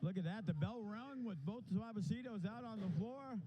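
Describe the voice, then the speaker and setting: High-voiced man giving wrestling commentary. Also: moderate pace, muffled recording, background noise. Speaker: wrestling commentator and match booker. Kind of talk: conversational live wrestling commentary. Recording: music under live commentary. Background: music.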